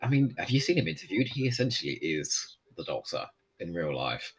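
Husky, lively man in his forties. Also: low voice. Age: 40s. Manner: animated, joking, quick asides. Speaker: podcast host. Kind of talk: casual chat.

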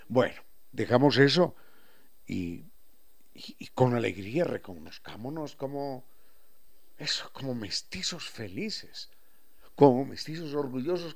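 A man with an Ecuadorian highland accent giving a reflective radio talk, explaining things with examples and acting out local turns of phrase. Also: vocal fry, darkish tone. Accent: Ecuadorian highland Spanish.

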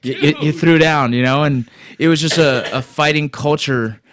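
A man and father, a podcast guest, telling animated stories in casual chat with many restarts. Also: on the high side, moderate pace, crowd noise. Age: adult father.

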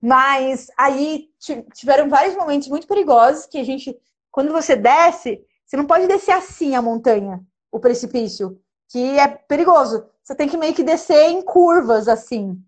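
A young woman telling a dramatic personal travel story in casual, animated chat. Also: high-pitched, moderate pace. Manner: lively, animated, dramatic retelling with gestures.

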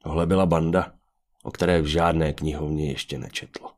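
A man narrating a fantasy audiobook with an even storytelling manner. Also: extremely low pitch, noisy background.

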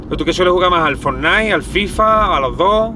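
A man's voice: sits high, expressive, background noise. A man from Spain hosting a casual interview inside a car, firing off chatty questions. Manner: quick, chatty questions with "tío" and "¿eh?". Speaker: interviewer host.

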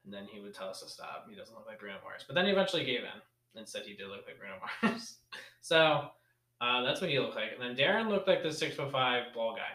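Bright-voiced young man in echoey room. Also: mid-range voice, expressive, quick pace. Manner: rambling storyteller, laughs often. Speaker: podcast co-host. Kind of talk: casual chat.

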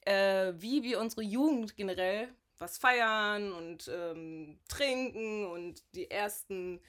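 A woman in her twenties co-hosting a casual podcast, loud and outgoing, often laughing as she talks. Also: mid-range voice, slow pace. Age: 20s. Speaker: podcast co-host. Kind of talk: casual chat.

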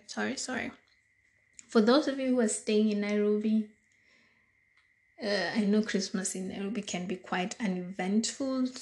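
A Kenyan-accented woman in her 30s runs a casual solo podcast, her medium pitch carrying a slight morning hoarseness. She chats at a slow, deliberate, easygoing pace, leaning often on fillers like um and uh.

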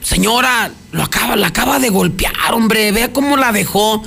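A man's voice: high-pitched, moderate pace, vocal fry, sharp tone, breathy edge, full character voice. A man voicing a firm, questioning municipal police officer.

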